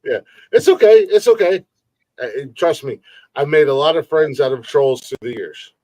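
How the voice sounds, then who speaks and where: A man's voice: on the high side, lively intonation, moderate pace, mellow, no echo. A man in his forties hosting a casual live-stream podcast, rambling, repeating himself and swearing freely. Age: 40s. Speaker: podcast host.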